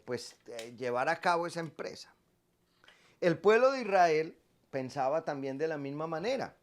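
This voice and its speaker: A man, a priest preaching a sermon and stressing points by repeating phrases. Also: medium pitch.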